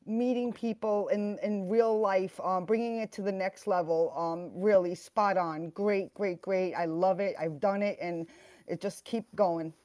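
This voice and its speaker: A woman's voice: mid-range voice, fairly even intonation, warm tone, dry recording. Woman on a bad, cutting-out connection. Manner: enthusiastic, affirming, halting with fillers. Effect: bad connection, mic cutting out. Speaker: audience member sharing on a live audio room. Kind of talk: quick spontaneous share.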